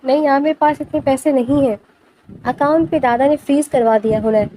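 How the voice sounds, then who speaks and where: A woman's voice: high-pitched, mellow, a little hiss or hum, close to an everyday voice. A woman voicing a frustrated young man who refuses his family's inheritance, speaking in a protesting way in a storybook reading. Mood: frustrated defiant. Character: young man, heir, fed up and defiant.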